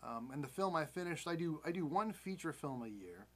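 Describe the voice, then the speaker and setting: A man's voice: on the high side, sing-song, fairly quick, a bit bright. An American man in his forties telling a personal story casually, rambling and candid, often doubling back to correct himself. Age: 40s. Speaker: vlogger.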